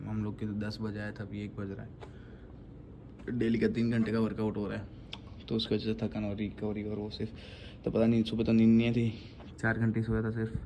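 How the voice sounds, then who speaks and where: A man's voice: on the low side, monotone, a little fast, long pauses, warm tone, slight background noise. Young man vlogging on his phone, chatty. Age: 20s. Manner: loose and chatty, trails off tired. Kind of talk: casual vlog chat. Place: in a car, then a gym. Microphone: phone camera at arm's length.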